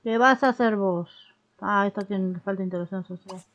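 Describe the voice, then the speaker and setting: A woman's voice: medium pitch, normal speed, fairly bright tone, muffled recording, a little hiss or hum. A woman with a Rioplatense Spanish accent giving casual let's-play commentary, chatty and coaxing as she talks to her characters like babies. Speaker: gaming YouTuber.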